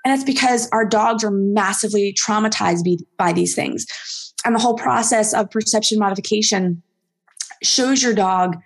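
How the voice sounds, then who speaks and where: A woman's voice: mid-range voice, moderate pace, creaky, breathy edge. A woman dog trainer chatting casually as an interview guest, rambling with lots of ums and restarts.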